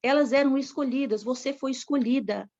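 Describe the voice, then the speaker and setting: A woman's voice: sits high, a little fast, darkish tone. Fervent woman preaching, lo-fi. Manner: fervent, repetitive preaching cadence. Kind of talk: sermon. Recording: dull lo-fi recording.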